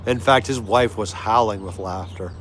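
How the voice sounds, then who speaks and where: His voice on the low side and a bit bright, this American man from the United States talks at normal speed while hosting a livestream. The conversation with viewers is casual, agreeable and friendly. Clear audio comes with background noise that sounds like a vehicle.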